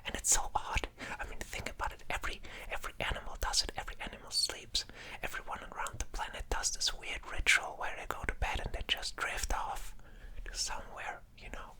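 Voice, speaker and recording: An ASMR creator rambles casually in a breathy whisper, sounding sleep-deprived and hesitant, often trailing off and restarting thoughts. The delivery is fairly quick, bright and forceful in tone.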